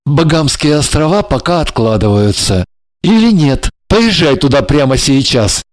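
A woman's voice: low voice, lively intonation, moderate pace, a little mellow, dry recording, pitched below the performer's own voice. A woman voicing a scheming man who coaxes and placates his impatient lover in an audiobook. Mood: placating. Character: scheming male lover, smooth and evasive. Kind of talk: audiobook character voice.

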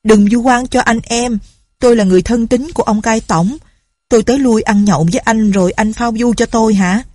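A sly old informer wheedles and protests his innocence, as a woman reader puts him on. The tone is husky and mellow. It sounds dry and close. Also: mid-range voice, brisk, dry recording, lightly acted. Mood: protesting. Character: sly scheming older male informer.

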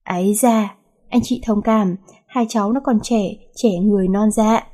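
A woman voicing a blustering, proud middle-aged father who scolds loudly. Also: medium pitch, fairly even intonation, normal speed, close to an everyday voice. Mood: polite, sly. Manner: loud, scolding.

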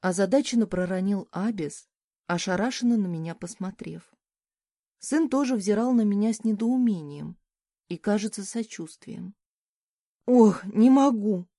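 A woman narrating a first-person audiobook in a lively, expressive reading. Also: medium pitch, normal speed, no echo, studio quality.

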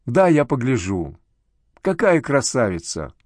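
A man voicing an older woman, a schoolteacher mother who is brisk, scolding and protective, in a lively, dry reading of a spoken story. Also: medium pitch, no echo. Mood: fond, chatty.

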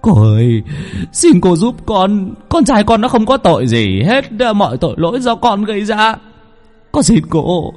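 A man's voice: mid-range voice, warm tone, breathy edge. A man voicing a terrified middle-aged father who begs a spirit medium to save his son. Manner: pleading, desperate.

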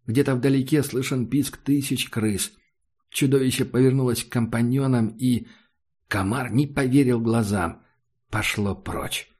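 Man, audiobook narration, husky voice, mid-pitched, steady dramatic telling. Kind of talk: scripted narration.

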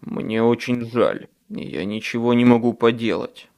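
A man's voice: mid-range voice, a little slow, gravelly, darkish tone. A man reading an audiobook, voicing a frightened male knight who speaks weakly and falteringly. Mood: shaken. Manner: faltering, weak-voiced.

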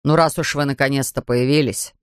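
A man voicing a pompous older male surgeon, gruff and sarcastic. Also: mid-range voice, steady tone, brisk, dry recording, studio quality, voice pushed down, natural voice.

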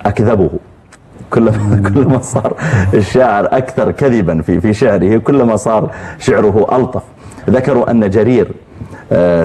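A man teaching a class of students in a relaxed, joking way. He stops to quiz them and recites poems. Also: fairly low pitch. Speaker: religious teacher. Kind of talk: classroom lecture with poetry recitation.

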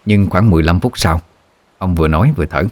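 Deep-voiced man telling a ghost story. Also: fast talker, darkish tone, no echo. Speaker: narrator.

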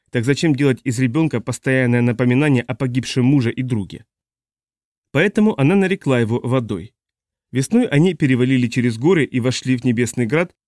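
Steady male audiobook narrator, dry sound. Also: mid-range voice, no room sound. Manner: measured, steady storytelling. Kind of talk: scripted narration.

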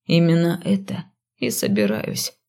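A woman reading an audiobook, voicing a sullen, stubborn male necromancer who snaps his lines low and hushed. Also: normal speed, gravelly. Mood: menacing. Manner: curt, snapping, low and hushed.

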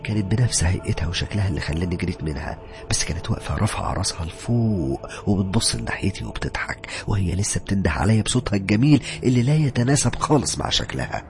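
A man with an Egyptian accent tells a horror story in a low, gravelly voice. He talks fast with lots of swing in his pitch, and soft music plays behind him. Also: big pitch swings. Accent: Egyptian Arabic. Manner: dramatic, hushed at tense moments. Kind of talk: first-person horror narration.

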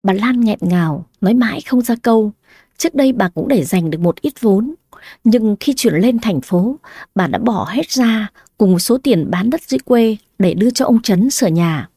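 A woman's voice: mid-range voice, mellow, husky, dry recording, clean studio sound. A woman narrating a family drama story, reading it in a scripted, emotional way.

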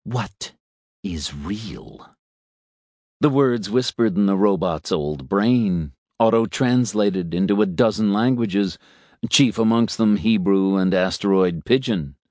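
A man reading a story aloud in a measured, unhurried way. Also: on the low side, warm tone, dry recording, studio quality. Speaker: narrator. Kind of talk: storybook narration.

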